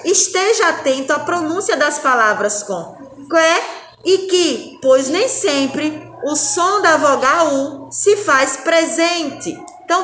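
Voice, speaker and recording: High-voiced patient teacher in echoey room. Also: female voice, fairly bright tone, a little hiss or hum. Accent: Brazilian Portuguese. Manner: slow, patient, spells out sounds; keeps asking the children for agreement. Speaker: primary school teacher. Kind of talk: recorded classroom lesson.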